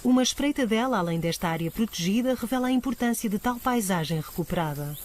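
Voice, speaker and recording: A woman with a European Portuguese accent reads scripted nature documentary narration in a measured, articulate storytelling manner. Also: medium pitch, lively intonation, a little mellow. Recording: music bed under voice. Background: music.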